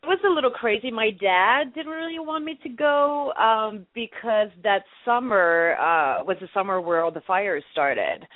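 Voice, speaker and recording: A woman's voice: medium pitch, lively intonation, unhurried, hardly any pauses, no room sound. A woman in her thirties from France with a French accent, a guest actress chatting casually and laughing easily. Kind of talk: casual interview chat. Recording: tinny dry phone-like line.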